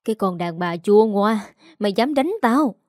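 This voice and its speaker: A woman's voice: medium pitch, animated, moderate pace, darkish tone, dry recording, studio quality, lightly acted. A woman voicing an angry, domineering middle-aged husband who barks orders. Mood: furious. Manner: harsh, domineering.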